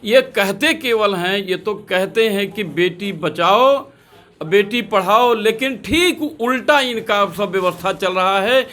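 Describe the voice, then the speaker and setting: A senior advocate man, answering a street interview with indignant, rapid-fire accusations. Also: high-pitched, pushed and bright. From Uttar Pradesh.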